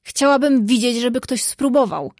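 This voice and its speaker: A woman voices a spirited, quick-tempered young woman from a storybook. She talks in a lively, outspoken way. The voice sits fairly high and the recording is dry and close. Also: dry recording, natural voice.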